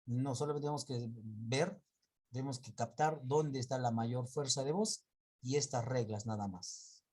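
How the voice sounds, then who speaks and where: A man's voice: medium pitch, mellow, slightly rough. A male teacher giving an online class, patiently drawing out example words and often correcting himself and checking in with students. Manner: patient, drawn-out word examples.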